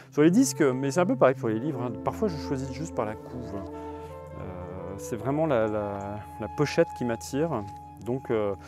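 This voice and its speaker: A young man casually reviewing music albums to a phone camera, thinking aloud with many hesitations. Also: medium pitch. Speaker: vlogger presenting borrowed music albums. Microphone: phone camera on a tripod.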